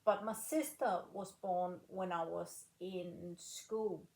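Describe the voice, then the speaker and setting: A woman in her late thirties, a former rifle shooter from Denmark, answering interview questions in a measured, unhurried way with pauses between phrases. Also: lowish voice, steady tone, darkish tone. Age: 30s. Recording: echoey room.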